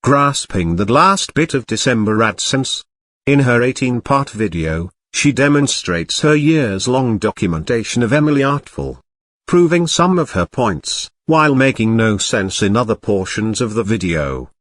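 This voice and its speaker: A man's voice: mid-range voice, animated, a little slow, fairly bright tone, no room sound. A man voicing a male robot cat narrator who speaks in formal, old-fashioned wording with dry sarcasm, in scripted commentary. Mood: snarky. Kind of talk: scripted drama-news commentary.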